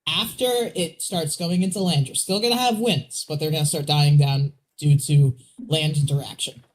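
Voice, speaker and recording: A man's voice: fairly high pitch, fairly even intonation, moderate pace, a little hiss or hum, low-quality recording. A man co-hosting a weather livestream with casual, conversational live commentary and plain explanations.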